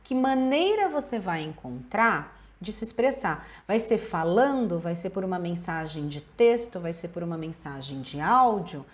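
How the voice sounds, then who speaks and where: A woman's voice: on the low side, big pitch swings, moderate pace, few pauses. A woman psychologist with a Brazilian accent giving relationship advice in a direct, emphatic way, speaking straight to viewers. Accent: Brazilian Portuguese.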